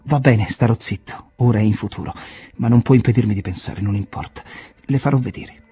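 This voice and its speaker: An earnest young ship's officer, restless and excitable, as a male reader puts him on, his voice climbing high and loud in sudden bursts. Faint music plays under the storybook reading. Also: fairly quick, breathy edge. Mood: fervent.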